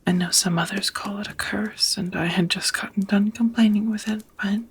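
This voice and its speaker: A woman voices a nervous, tender vampire of great age for a close ASMR romance roleplay, her phrasing halting and a little old-fashioned. She whispers huskily at a medium pitch, holding a steady tone at normal speed.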